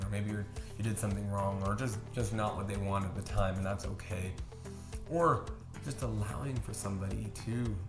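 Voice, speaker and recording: A man hosting a podcast on relationships, talking casually in an earnest, careful way. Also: lowish voice. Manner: earnest, speaks slowly and carefully. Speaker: podcast host. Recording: echoey room with faint noise.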